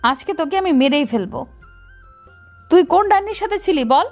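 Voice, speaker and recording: A woman voicing a jealous, hot-tempered young wife in an audio story who hurls angry, shrill insults. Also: animated, brisk, a little mellow, faint music behind. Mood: furious. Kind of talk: Bengali audio story acting.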